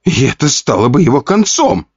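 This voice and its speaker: A man voicing a spoiled young nobleman who whines, sulks and shouts back at his father. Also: mid-range voice, big pitch swings, normal speed, breathy edge, highs cut off, pitched above the performer's own voice. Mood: resentful. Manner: whiny, defensive, shouting. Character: spoiled young male heir, whiny and resentful.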